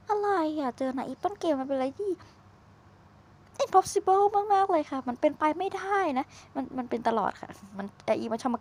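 Playing a video game, a female streamer offers easygoing, talkative commentary full of teasing and exclamations, recorded on a desk mic. She speaks a little high, with some vocal fry.

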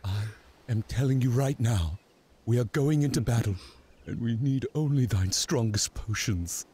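A man's voice: medium pitch, normal speed, dark tone, slightly rough, natural voice. A man playing a pompous, earnest dragon knight in a video game, declaiming heroically in mock-archaic speech. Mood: grandiose, insistent.

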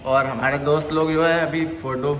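An upbeat young man with a Bareilly Hindi accent shows his viewers around a restaurant, talking in a slightly high voice. He walks and films himself on a phone held out at arm's length. His narration is chatty and repetitive, the way a casual travel vlog sounds. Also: steady tone, normal speed, fairly bright tone, lo-fi sound, a little hiss or hum. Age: young adult. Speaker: vlogger. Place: restaurant halls and outdoor courtyard at night. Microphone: phone selfie camera at arm's length.

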